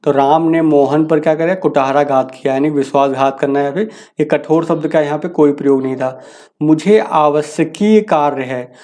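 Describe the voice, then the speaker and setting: A man teaching a grammar lesson, reading each sentence slowly and then explaining the correction casually. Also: fairly high pitch, fairly even intonation, mellow.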